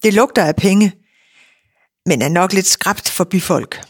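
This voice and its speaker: A woman's voice: mid-range voice, expressive, slightly rough. A woman reading a blunt middle-aged farmer.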